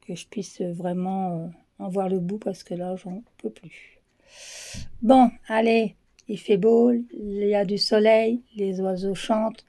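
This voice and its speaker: Tired woman with a cracked, mellow voice. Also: fairly low pitch. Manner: halting, drops to a whisper when showing items. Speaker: vlogger. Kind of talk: casual vlog chat to camera. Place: her dressing room, indoors. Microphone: handheld phone camera with ring light.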